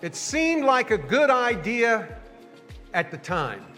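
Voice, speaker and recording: A man preaching a sermon as pastor, telling a folksy story and posing questions with drawn-out pauses. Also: extremely high pitch, big pitch swings, bright, forceful tone, soft background music. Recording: long reverb of a church sanctuary.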